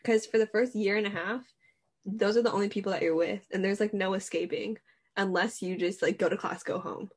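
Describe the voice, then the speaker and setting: A woman's voice: mid-range voice, steady tone, fairly quick, breathy edge. A teenage girl chatting casually with friends about school, laid-back and full of fillers. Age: teens. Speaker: student in group chat. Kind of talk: casual chat.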